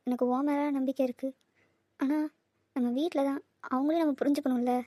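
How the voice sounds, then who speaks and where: A woman's voice: high-pitched, fairly even intonation, fairly quick, mellow, dry recording, clean studio sound, close to an everyday voice. A woman voicing an anxious young woman who scolds and worries about her marriage in a cartoon. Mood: earnest. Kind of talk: Tamil cartoon dubbing.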